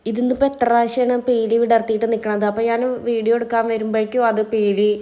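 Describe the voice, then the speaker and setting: A woman's voice: fairly high pitch, level tone, quick pace, mellow. A woman, a mother, chatting casually to the camera about her day at home, homely and talkative, often correcting herself mid-sentence. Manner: chatty, homely, self-correcting as she talks. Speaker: mom vlogger. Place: home kitchen and dining area.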